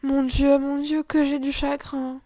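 A woman's voice: sits high, flat delivery, measured pace, mellow, no room sound, clean studio sound, voice pushed up. A sobbing stammering little girl. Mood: tearful confession. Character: small weeping girl, contrite and sweet.

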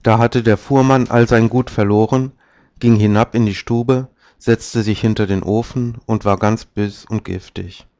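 A man reading a fairy tale aloud in a measured, calm storytelling manner, on a dull, dry recording. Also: on the low side, dry recording. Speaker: narrator.

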